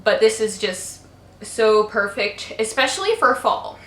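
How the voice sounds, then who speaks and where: A woman's voice: on the high side, very animated, measured pace, fairly bright tone. A young woman talking casually in a makeup favorites vlog, chatty and gushing, with many fillers. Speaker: beauty vlogger. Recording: echoey room.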